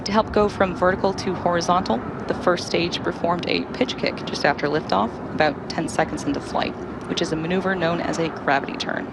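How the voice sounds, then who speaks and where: A woman's voice: lowish voice, steady tone, a little fast, vocal fry, very noisy. A woman hosting a live launch webcast, explaining technical steps in running commentary.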